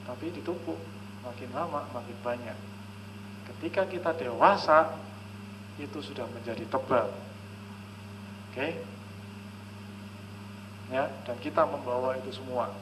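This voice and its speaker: A man's voice: mid-range voice, noisy background. A man speaking as a counselor at a live seminar, who often checks in with the audience and acts out conversations between parents and children.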